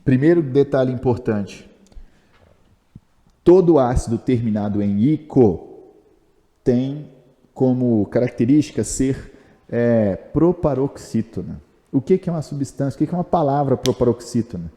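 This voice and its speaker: This chatty chemistry video lesson comes from a Brazilian man whose Brazilian Portuguese accent colors a dark, mid-range voice. He goes step by step, unhurried and with long pauses, his intonation lively as he quizzes himself, answers and pokes fun at himself, and a long reverb tail follows his words.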